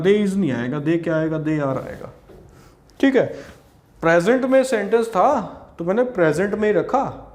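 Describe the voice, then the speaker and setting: A young man with a Haryanvi Hindi accent teaching an exam-prep English grammar lesson, chatty, asking rhetorical questions and scolding students in asides. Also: on the high side.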